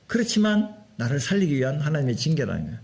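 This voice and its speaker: A man preaching a Sunday sermon as a pastor, animated and full of rhetorical questions. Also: fairly high pitch, fast talker, creaky. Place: church sanctuary.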